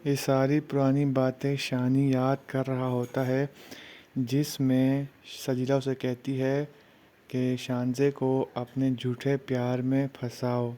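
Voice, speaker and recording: A man narrates a recap of a television drama, keeping his voice level and mostly flat. His tone is mellow and dark rather than bright. A faint noise sits under the recording. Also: medium pitch. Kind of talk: retelling a TV drama episode.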